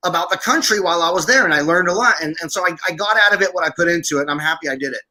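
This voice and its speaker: A man from Syria, a guest on a podcast interview, telling stories in an animated way. His voice sits high and sounds bright and forceful, and he acts out what people said. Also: racing. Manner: animated, acts out quoted speech. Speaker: podcast guest, veteran filmmaker. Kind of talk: interview storytelling.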